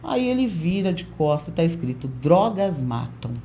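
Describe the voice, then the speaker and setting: Mellow low-voiced woman pastor telling stories. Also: normal speed, slight background noise. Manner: lively storyteller who acts out quoted voices. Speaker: pastor, podcast guest. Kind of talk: storytelling testimony in a podcast interview.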